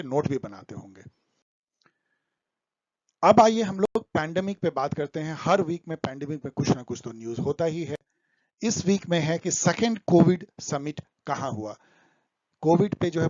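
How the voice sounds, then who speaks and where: A man's voice: fairly high pitch, darkish tone, no room sound, highs cut off. A man explaining current affairs for exam students over slides, mixing English terms into his talk. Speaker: exam tutor.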